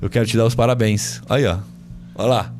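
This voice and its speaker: A man's voice: on the low side, fairly even intonation, normal speed, darkish tone. Man, podcast host, casual storytelling, lots of fillers, home studio, music behind. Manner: conversational, many fillers, acts out family dialogue.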